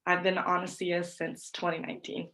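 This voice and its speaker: A woman in her twenties, an athlete on a panel, introducing herself briskly and confidently on a video call. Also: fairly low pitch, monotone, sharp tone, poor audio. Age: 20s.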